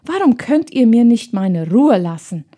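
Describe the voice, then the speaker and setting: A woman's voice: fairly high pitch, sing-song, unhurried, dark tone. A woman voicing a grumpy, curt schoolboy who would rather read, in a storybook reading. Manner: curt, grumbling.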